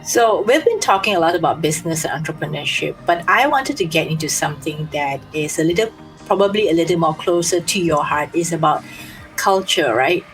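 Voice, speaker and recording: Female host, a little low, friendly questions. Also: expressive, brisk, faint music behind, low-quality recording. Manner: friendly, asks questions, ends with "right?". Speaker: interviewer, host. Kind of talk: interview conversation.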